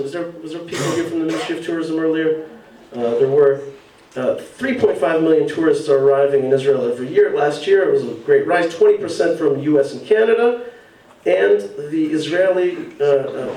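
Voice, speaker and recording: A man's voice: fairly high pitch, warm tone, roomy sound, distant mic, rough recording. A man giving an emphatic public speech from a podium at an evening event, repeating and building his phrases. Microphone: podium mic.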